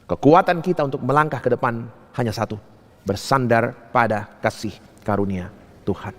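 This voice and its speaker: A male pastor preaching a sermon, telling stories and asking rhetorical questions, swinging between high and low phrases. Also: moderate pace, long reverb tail. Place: church.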